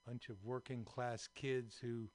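Slow-talking older man radio host. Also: medium pitch, little pitch movement, darkish tone. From San Francisco, USA. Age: 70s. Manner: slow, thoughtful, many fillers. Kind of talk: community radio talk show. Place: radio studio.

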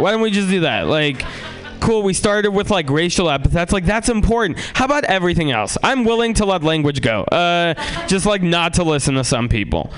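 A man doing a rambling, profane stand-up comedy set on a club stage, swinging between loud outbursts and low mutters. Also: smooth. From San Francisco, USA.

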